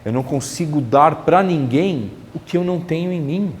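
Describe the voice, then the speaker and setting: A man's voice: fairly high pitch, expressive, moderate pace, long reverb tail, a little hiss or hum. A man giving a spiritist lecture in a chatty way, asking the audience rhetorical questions. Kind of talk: religious lecture. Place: lecture hall of a spiritist center.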